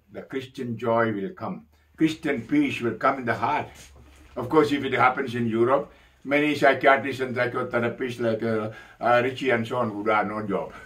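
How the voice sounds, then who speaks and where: A man preaching a sermon as a priest, emphatic and animated, with many fillers. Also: fairly low pitch, distant mic, poor audio.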